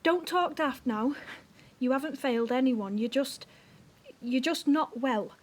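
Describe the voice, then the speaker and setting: Voicing the same frustrated young wartime wife from northern England in an audio drama, the actress keeps her Northern English accent and her blunt, emotional edge. Here she sounds concerned, speaking at a measured pace in a voice that sits high.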